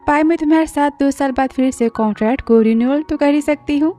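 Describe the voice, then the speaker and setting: A woman voicing a cheeky, sharp-tongued young bride in a story retelling, speaking in a teasing, sassy way. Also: high-pitched, fast, soft background music, close to an everyday voice.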